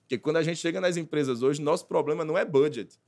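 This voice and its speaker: A man, a consultant talking as a podcast guest, animated and acting out little dialogues. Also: a little high, fast, gravelly. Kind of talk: casual podcast conversation.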